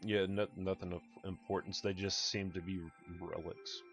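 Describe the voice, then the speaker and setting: A man's voice: sits low, little pitch movement, normal speed. A man acting as game master, narrating and refereeing a tabletop game in a casual, conversational way. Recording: muffled lo-fi audio with background music. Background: background music.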